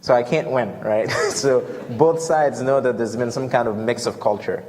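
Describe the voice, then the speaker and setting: A man with a Ghanaian accent sharing a personal testimony in a church, earnest and halting, with many restarts. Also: mid-range voice, darkish tone, in a large hall. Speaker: church member giving a mission trip report. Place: church hall.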